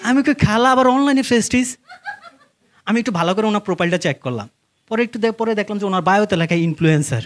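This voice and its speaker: A young Bangladeshi-accented man performs conversational stand-up comedy, his voice high-pitched with lively intonation and a quick pace. He speaks to the audience, acts out dialogue, and draws laughter with his stories. Faint noise runs through the live stage recording.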